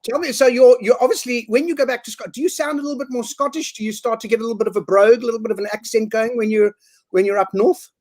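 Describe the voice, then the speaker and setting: A man's voice: extremely high pitch, steady tone, quick pace, a little mellow. A man hosting a comic interview, asking jokey, teasing questions. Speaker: host.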